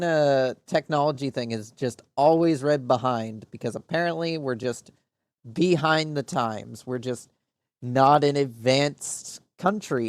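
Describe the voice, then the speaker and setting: A man's voice: mid-range voice, no room sound. A man casually commenting on his strategy game during a live stream, rambling and muttering to himself with frequent swearing.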